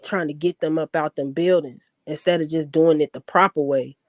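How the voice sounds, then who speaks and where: A woman's voice: sits low, steady tone, moderate pace, no echo. A woman with a Chicago accent tinged with the South, chatting as a guest, laughing often and repeating words as she starts. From born in Florida, raised in Chicago. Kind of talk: casual chat.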